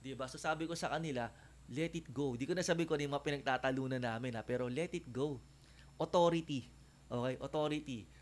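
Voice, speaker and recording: A man's voice: mid-range voice, fast talker. Rambling man, repeating himself. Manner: rambling, repeats phrases, keeps asking "right?". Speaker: former teacher giving talks. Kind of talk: casual opinion monologue.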